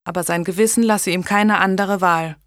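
A woman reading an audiobook, voicing a calm, polite young medieval nobleman with a steady, firm manner. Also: on the low side, normal speed, no room sound, studio quality, lightly acted.

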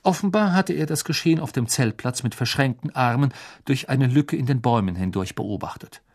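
Male audiobook narrator, expressive, animated pitch, mid voice. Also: fairly quick. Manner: expressive storytelling. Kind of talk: scripted narration.

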